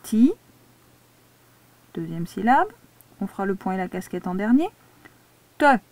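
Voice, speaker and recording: Slow, patient woman teacher dictating. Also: mid-range voice, animated, a little mellow, dry recording. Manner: patient, spells out words syllable by syllable. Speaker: primary school teacher. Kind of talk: slow dictation lesson for a child.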